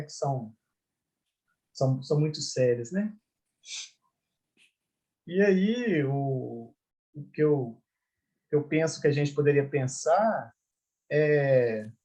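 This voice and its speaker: Slow, hesitant Brazilian man. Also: a little high, darkish tone. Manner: hesitant, many fillers and restarts. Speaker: study leader. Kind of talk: reflective group Bible study talk.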